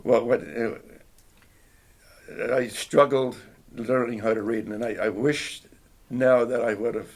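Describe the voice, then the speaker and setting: A steady, slow, somewhat dark mid-range voice belongs to an older Canadian man, Finnish his first language, remembering his early years in an oral history interview. He is reflective and hesitant, repeatedly restarting and clearing his throat.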